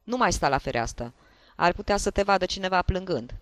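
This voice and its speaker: A man voicing a tipsy, jealous husband who shouts and scolds in an audiobook. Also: high-pitched, animated, dry recording, pitched above the performer's own voice. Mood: lecturing. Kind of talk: audiobook character voice.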